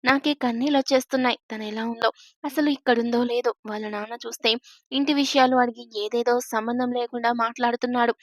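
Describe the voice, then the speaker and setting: A woman narrating a first-person story in a steady, even storytelling voice. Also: fairly high pitch, brisk, no echo, studio quality.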